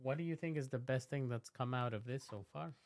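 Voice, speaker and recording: A man's voice: mid-range voice, a little fast. A man hosting a podcast in a casual interview style, speaking in a reassuring, encouraging way. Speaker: podcast host.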